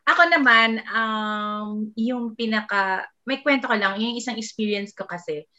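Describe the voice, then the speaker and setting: A woman shares a personal experience in a casual chat, with a bright, sharp tone. Her speech is hesitant and full of fillers. The recording sounds dull and lo-fi. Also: a little high, unhurried. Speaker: guest sharing an experience.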